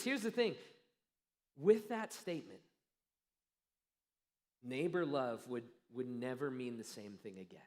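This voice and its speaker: Higher-voiced man preaching in a reverberant hall. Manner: earnest storytelling with dramatic pauses, trailing off softly. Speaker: pastor. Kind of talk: sermon. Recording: long reverb of a church hall.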